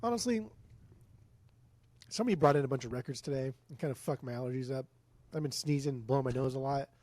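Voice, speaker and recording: A man with a stuffed-up nose, a medium-pitched, darkish voice, and a quick pace co-hosts a casual podcast; he also owns a record store. Rambling and swearing a lot, he makes mock-angry jokes, recorded dry in a room at home through a desk microphone on a mixer.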